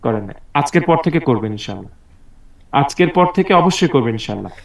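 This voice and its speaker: A man's voice: medium pitch, lively intonation, quick pace, creaky. A man teaching an online English class over a video call, patient and encouraging as he drills words aloud. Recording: roomy, distant video call audio.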